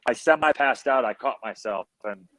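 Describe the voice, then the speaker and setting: A man telling hockey stories in casual chat, animated and slangy, repeating himself as he goes. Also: mid-range voice, normal speed, no room sound, low-quality recording. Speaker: former hockey player guest.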